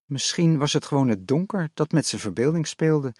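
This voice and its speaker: A man narrating an audiobook in a measured storytelling manner. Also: a little high, expressive, mellow, breathy edge, dry recording, clean studio sound.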